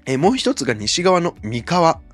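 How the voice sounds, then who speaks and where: A man's voice: fairly high pitch, very animated, moderate pace, soft background music. A man hosting a casual talk show, explaining history step by step with many fillers. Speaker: podcast host explaining Bible history.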